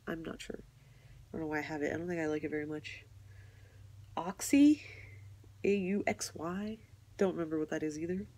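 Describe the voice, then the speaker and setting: A young woman rambling casually through her tablet apps, often unsure and apologizing, with a low, slightly husky voice. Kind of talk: casual screen walkthrough.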